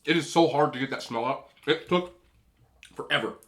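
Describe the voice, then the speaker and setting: A man's voice: mid-range voice, moderate pace. Casual man telling stories over a meal. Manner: eating between phrases. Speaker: host of a mukbang video. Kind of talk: casual rambling storytelling while eating.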